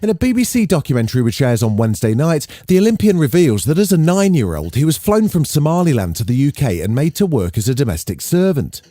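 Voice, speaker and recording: A man presents a daily news roundup in a bright, animated voice that rises and falls a lot. His tone is mellow and dark, and the studio sound is dry and close. He reads the script in a chatty way. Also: fairly high pitch, quick pace, hardly any pauses, no echo. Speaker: news podcast host.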